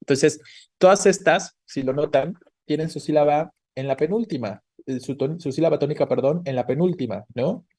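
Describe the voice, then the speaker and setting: A man's voice: fairly high pitch, normal speed, darkish tone, slightly rough. A man teaching an online class, explaining patiently and checking in with the students often. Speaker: Spanish teacher.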